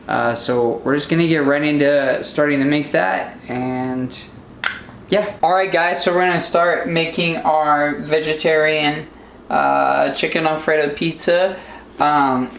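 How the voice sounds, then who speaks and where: A man's voice: a little high, creaky, a bit bright, reverberant, a little hiss or hum. A young man vlogging casually from his home kitchen, talking in a rambling, easygoing way full of fillers. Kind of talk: casual vlog chat.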